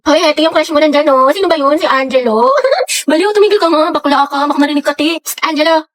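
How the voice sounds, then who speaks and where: A woman with a high voice plays out a school comedy skit in a playful, teasing, gossipy way. Her colors every line. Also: fast talker.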